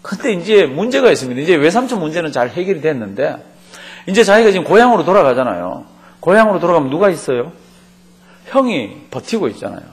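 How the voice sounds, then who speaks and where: Animated higher-voiced male pastor teaching. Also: fast talker. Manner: animated, acts out quotes and quizzes the class. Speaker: pastor teaching a Bible course. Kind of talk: Bible study lecture. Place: church classroom.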